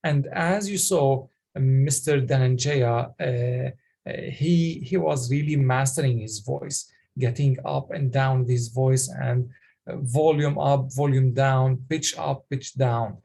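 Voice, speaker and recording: A man coaching public speaking on a video call, talking haltingly with many fillers and restarts. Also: medium pitch, vocal fry, warm tone. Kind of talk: online coaching session.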